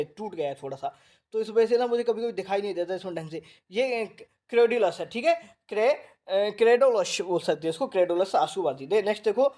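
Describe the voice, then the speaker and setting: A male coaching teacher with an Indian accent who reads English definitions haltingly, explains them in Hindi and keeps checking in with his class. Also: high-pitched, mellow. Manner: repeats tag questions to the class; stumbles over English words. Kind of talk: online vocabulary lesson.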